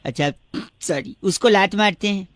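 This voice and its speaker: Man doing a prankster voice, bright and piercing, silly puns, mock-polite, radio prank call, dry studio mic. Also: high-pitched, moderate pace, dry recording. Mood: mischievous.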